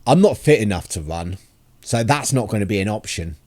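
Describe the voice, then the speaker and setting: Man, very low voice, dry close sound, casual chatty reaction commentary, self-deprecating jokes. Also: expressive, a little fast, a little mellow, dry recording. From United Kingdom. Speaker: reaction video host.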